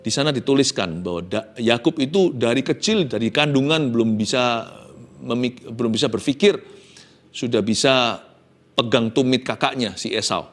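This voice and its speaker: A man preaching a sermon as a pastor, swinging between loud emphatic lines and hushed, tearful acted pleas, with English phrases mixed in. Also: medium pitch, normal speed, soft background music. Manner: dramatic preaching, acting out Jacob's pleas in hushed tones.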